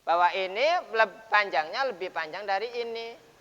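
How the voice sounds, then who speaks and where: A man teaching recitation rules at a dawn mosque lesson, patiently explaining and then chanting the words slowly and loudly. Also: high voice. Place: mosque, after dawn prayer. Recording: dull lo-fi sound with long mosque reverb.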